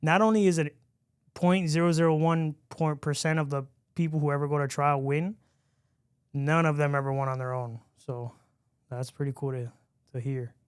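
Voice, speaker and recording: Male podcast host, smooth clear tone, dry close sound, relaxed chatty delivery with restarts. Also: fairly high pitch, normal speed, dry recording. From lives in Miami. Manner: easygoing, chatty, frequent restarts and laughs. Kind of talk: casual interview chat.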